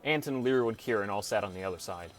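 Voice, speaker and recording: A man's lowish voice comes across as expressive and quick, only lightly acted. As a downcast teenage boy, he offers a reflective, wry, understated first-person audiobook narration of his gaming adventure, accompanied by music.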